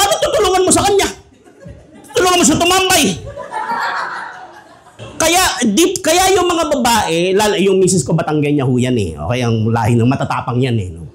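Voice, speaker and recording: A male pastor from the Philippines delivers a humorous sermon in a conversational, joking way. His voice sits high and swings animatedly. A faint hum of room noise lies underneath. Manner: joking, conversational, laughing often.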